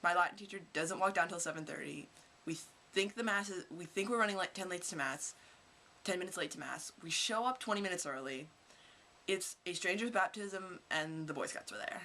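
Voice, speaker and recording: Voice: medium pitch, fairly quick, pushed and bright, slight background noise. A teenage vlogger from Kentucky telling rambling stories to camera in a casual, chatty way. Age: teens. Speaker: vlogger, high school student.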